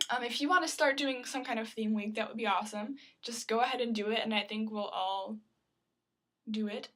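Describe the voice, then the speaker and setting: A young woman with a fairly high voice talks casually to her camera in a small bathroom. Her delivery is informal and a little hesitant, with a self-deprecating way of explaining things. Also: a little fast, a bit bright. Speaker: vlogger. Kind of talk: casual video blog chat.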